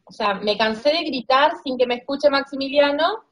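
Higher-voiced woman, muffled sound. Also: normal speed, a bit bright. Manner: hesitant, restarts phrases. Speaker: client's wife recounting a dream. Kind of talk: casual storytelling.

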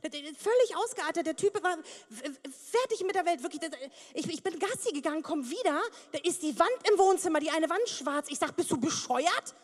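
A woman's voice: very high-pitched, expressive, a little fast, few pauses. A young woman performing a stand-up comedy set with crude, brash punchlines. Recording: long reverb of a studio hall.

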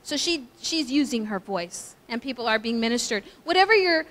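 Speaking at a women's breakfast, a middle-aged female pastor chats in an animated manner at a moderate pace, dropping in many asides. Her girlish voice sits far higher than the average woman's. A long hall reverb lingers after each phrase.

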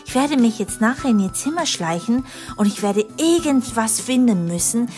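A woman voicing an earnest, wronged girl who pleads to be believed in a kids' animated story. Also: on the high side, normal speed, soft background music, pitched below the performer's own voice, lightly acted. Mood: confiding. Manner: pleading, indignant.

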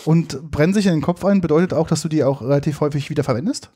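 A man's voice: fairly high pitch, rapid-fire, dark tone, husky. A man hosting a podcast, chatting casually and asking short, curious follow-up questions. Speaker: podcast host. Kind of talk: casual interview chat.

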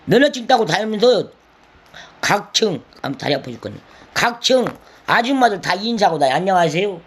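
Older man nagging in a lively, high voice. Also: normal speed, husky. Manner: lecturing, nagging tag questions, coarse words; slips into sung lines and acted quotes. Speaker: elder lecturing a listener. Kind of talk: rambling scolding monologue.

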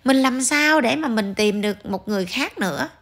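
A woman's voice: on the high side, expressive, normal speed, a bit bright. A woman ranting to her viewers in a scolding, emphatic way, full of rhetorical questions. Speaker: vlogger commentator.

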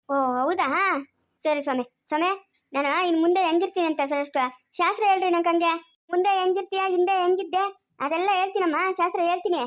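A woman with a rural Chikkaballapur Kannada accent playing a chatty village woman in a family skit, coaxing and scolding quickly. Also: very high voice. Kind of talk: amateur village skit acting.

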